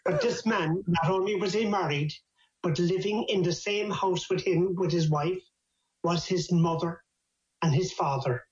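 A man's voice: high-pitched, measured pace. Lilting Irish storyteller man, echoey call. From Ireland. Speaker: traditional storyteller, guest. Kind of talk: storytelling in conversation. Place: at home, over a video call. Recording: echoey, dull video-call audio.

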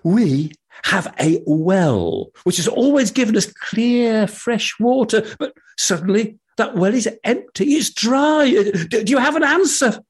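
Man doing a shrill, frantic town gatekeeper. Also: measured pace, hardly any pauses, breathy edge, full character voice. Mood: excited pleading. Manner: shrill, excited, pleading. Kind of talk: storyteller's acted dialogue.

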